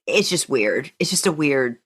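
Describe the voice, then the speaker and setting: Her voice is low-pitched, husky, and animated, moving at a moderate pace. She's a narrator by trade co-hosting a podcast, sharing her views in a relaxed fan discussion full of hedging asides.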